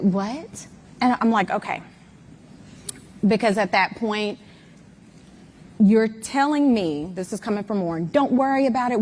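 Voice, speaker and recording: A woman's voice: fairly low pitch, slight background noise. A mother giving an interview guest's candid, emphatic account of events, with many fillers.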